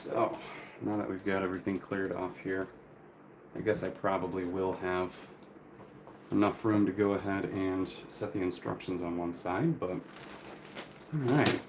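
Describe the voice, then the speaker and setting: A man's voice: deep voice, steady tone, measured pace, long pauses. A man hosting a casual, unscripted live stream, talking in a rambling, apologetic way as he works with his hands. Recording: clear noise, crinkling plastic and paper. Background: crinkling bags and paper rustle.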